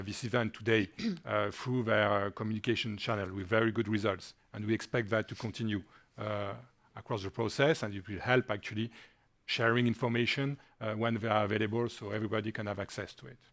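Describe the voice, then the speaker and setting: A man answering a question in a webinar, measured and pausing often with fillers. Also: fairly low pitch, steady tone, a bit bright. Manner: measured, frequent filler pauses. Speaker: panelist.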